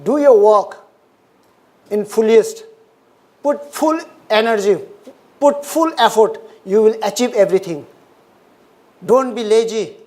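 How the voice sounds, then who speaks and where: A Buddhist lecturer speaks in a middle pitch. The talk comes in short, plain, repeated phrases, steady and earnest, like a dharma class. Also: slow, long pauses. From Nepal.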